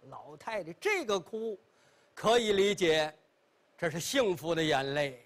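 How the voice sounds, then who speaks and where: A man telling a traditional pingshu story on a television stage, leisurely with chatty asides. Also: measured pace. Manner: leisurely, chatty asides, wide expressive pitch.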